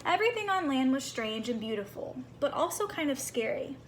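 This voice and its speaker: A high-voiced woman reads a children's story aloud at a brisk pace, expressive and animated for young listeners. She acts out small moments, and faint noise can be heard behind her.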